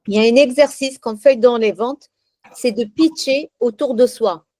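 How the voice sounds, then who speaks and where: A woman taking part in a casual group training chat, talking in a lively, encouraging way. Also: fairly high pitch, moderate pace, dry recording.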